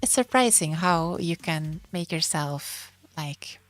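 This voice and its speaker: A woman's voice: sits low, animated, takes it slowly, no echo. A woman who is a non-native English speaker, chatting casually as a streamer, telling stories with playful asides. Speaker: streamer co-hosting a podcast. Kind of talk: casual chat about online games. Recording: music behind the voice. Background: music.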